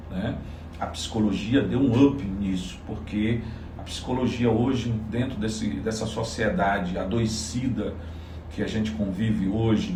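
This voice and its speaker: A man's voice: on the low side, darkish tone, roomy sound, recorded from a distance, slight background noise. A man from Salvador, a psychologist, giving earnest, explanatory interview answers with frequent restarts. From Salvador, Bahia, Brazil. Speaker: psychologist and political candidate.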